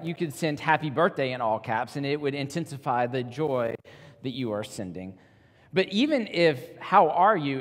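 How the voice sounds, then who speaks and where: A man serving as pastor, praying and then preaching with animated delivery that acts out quoted reactions, recorded in a church sanctuary. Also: a little high. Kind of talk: sermon. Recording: long church hall reverb.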